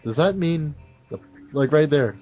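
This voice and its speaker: A man's voice: a little high, expressive, measured pace, dark tone, faint music behind, rough recording. A man casually commenting on a video game with a friend, laid-back and joking. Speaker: let's play co-commentator.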